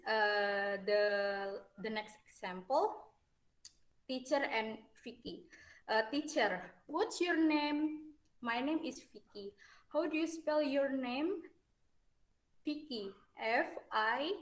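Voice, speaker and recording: Woman teacher, classroom lesson, slightly high, echoey room. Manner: reads example dialogues aloud, many fillers and "and then". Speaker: English teacher.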